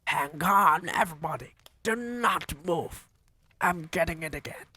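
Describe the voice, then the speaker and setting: Penyihir perempuan yang gelisah dan berhidung tajam, saat seorang pria memerankannya berseru dengan pekikan tinggi. Suaranya keras dan dramatis, dibacakan dengan tempo lambat. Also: male voice, sits high, expressive, slow, creaky, pushed and bright, slightly rough, voice pushed up, heavily acted. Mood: urgent alarm. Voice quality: shrieking. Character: shrill sharp-nosed female witch sniffing out a child.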